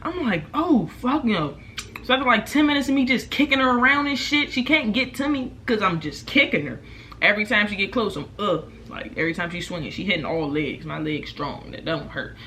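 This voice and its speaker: Animated young woman telling a profane story. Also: medium pitch, a little fast, slight background noise. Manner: animated, profane, acts out quotes. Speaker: vlogger. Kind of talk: casual storytime while eating.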